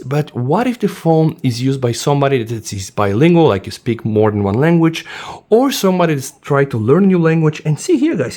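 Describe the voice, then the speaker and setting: This animated tech reviewer, whose first language is Bulgarian, runs through a casual product demo. He's enthusiastic, calls his viewers "guys," and says "boom" a lot.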